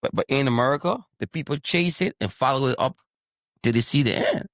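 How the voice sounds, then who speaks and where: A man talks on a podcast panel at a middling pitch, his voice dry and close. He speaks with firm assurance and backs points flatly. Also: a little fast, no echo. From Liberia. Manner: assertive, firm agreement. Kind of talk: casual panel discussion.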